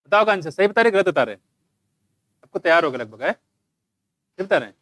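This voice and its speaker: A man's voice: high-pitched, animated, normal speed, fairly bright tone, no room sound. A man teaching biology to a live class, quizzing students by name and scolding them with jokes. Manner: teasing, scolding, jokey, calls students by name. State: dry throat from shouting.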